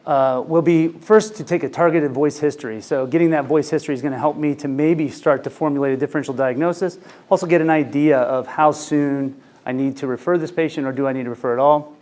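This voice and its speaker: A man in his forties, an ENT physician, gives a conversational lecture to clinicians through a handheld microphone in a conference room. His voice is a little high, steady and a little mellow, and he talks fairly quickly. He's anecdotal and uses a lot of fillers.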